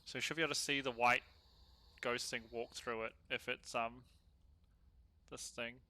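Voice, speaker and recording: A man doing casual solo gameplay commentary, chatty and slangy as he thinks out loud. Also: mid-range voice, fairly even intonation, moderate pace. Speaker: gaming streamer.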